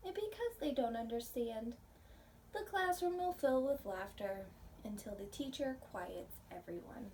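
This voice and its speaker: An American woman, a pre-K teacher, reading a picture book aloud and explaining it simply to young children in a gentle, child-directed way. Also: on the high side, animated, a little slow. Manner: gentle, child-directed, asks the listeners questions. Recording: distant mic, faint background noise.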